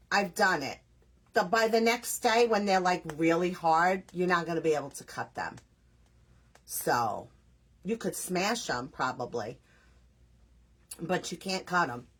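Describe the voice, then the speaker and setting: Woman, New York accent, husky voice, chatty host of a crafting stream. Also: lowish voice. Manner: chatty, scattered, self-deprecating, reads viewer names aloud. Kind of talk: casual chat with live viewers while crafting.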